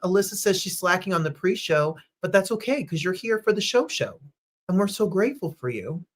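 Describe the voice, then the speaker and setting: A man's voice: sits high, animated, brisk. Upbeat Midwestern man hosting a livestream. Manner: upbeat, chatty, greets viewers by name. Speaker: host. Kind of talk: casual livestream chat. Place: home.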